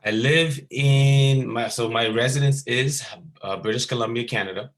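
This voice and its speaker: Speaking in a mid-range voice, a basketball skills coach from the Bahamas in his thirties talks informally on a video call. He hesitates a lot, filling gaps with ums and starting sentences over.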